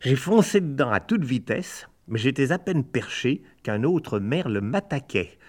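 A middle-aged man reading a children's story aloud in a gentle, lightly wry storytelling voice. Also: medium pitch, sing-song, measured pace, husky. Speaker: narrator.

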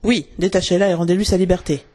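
A reader voicing a cocky boy who imitates a pirate captain with a loud, mocking bellow. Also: medium pitch, fairly even intonation, fast talker, close to an everyday voice. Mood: bossy. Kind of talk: audiobook character voice.

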